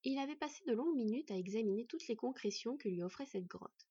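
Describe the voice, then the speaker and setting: A woman narrating a fantasy story in a steady, measured reading voice. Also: on the high side, slightly rough, dry recording. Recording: dry, slightly dull recording.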